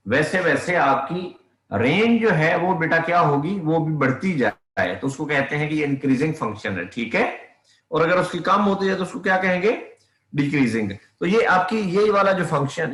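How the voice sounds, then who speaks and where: A man's voice: a little high, a bit bright, echoey room. A man teaching a math class online, often calling his students "beta" and checking whether they can hear him. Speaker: math lecturer.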